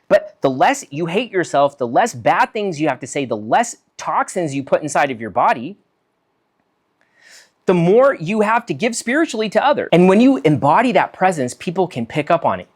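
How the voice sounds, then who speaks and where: A man speaks with a lively, swinging pitch, his voice rising and falling freely. He is a physician giving a solo talk, reading from notes and acting out example lines. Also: moderate pace. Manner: animated, acts out quoted lines, reads from notes. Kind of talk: solo talk on conversation skills.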